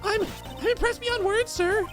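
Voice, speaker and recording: A man's voice: very high-pitched, steady tone, a little slow, music in the background, pitched above the performer's own voice. A man voicing a timid, gushing young woman, effusively polite and unlucky, for a video game. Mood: gushing, self-pitying.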